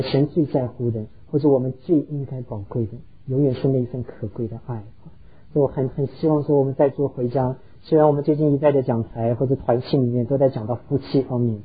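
A man's voice: mid-range voice, steady tone, fast talker, husky, phone-quality sound. A pastor preaching a sermon, earnestly telling stories and slipping English words into his talk. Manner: earnest, heartfelt storytelling.

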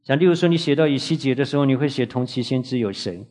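A man teaching a Bible class to a live audience, with frequent drawn-out "ah" fillers and questions put to the class. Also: medium pitch, darkish tone.

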